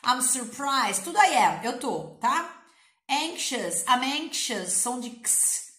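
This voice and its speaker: Brazilian woman with a cold, online English teacher; bright, playful, drills learners, slightly high voice, echoey room. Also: takes it slowly. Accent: Brazilian Portuguese. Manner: lively, playful, coaxing repetition with slangy asides. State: has a cold. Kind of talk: energetic online English lesson.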